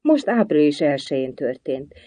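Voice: mid-range voice, very animated, warm tone, dry recording. A storybook reader voicing a sighing, lecturing hatter at an endless tea party. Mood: gloomy. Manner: sighing, lecturing, sings a nonsense song.

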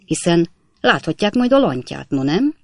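A young gentleman, indignant and insistent, certain everyone will see his point, as a man reads him. Slightly gravelly voice, dry close sound. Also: fairly high pitch, big pitch swings, no room sound, heavily acted.

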